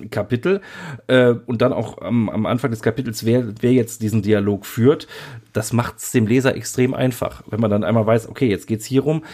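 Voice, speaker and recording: A man's voice: on the low side, a little mellow. Hesitant male interviewer. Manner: hesitant, stammering, repeats words. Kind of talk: conversational interview.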